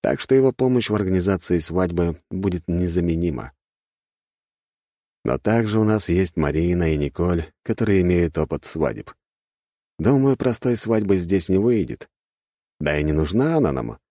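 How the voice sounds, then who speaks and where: Deep-voiced man narrating with lively wry tone. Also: moderate pace, no room sound, studio quality. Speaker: audiobook narrator. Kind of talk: first-person audiobook narration.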